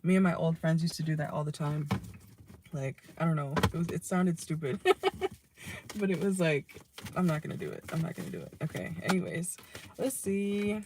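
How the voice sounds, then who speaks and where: Sitting in a parked car, a young adult tarot reader gives a casual reading in a chatty, loose way, swearing occasionally and ending almost every line with "okay?". The voice is mid-range at a normal speed, with background noise.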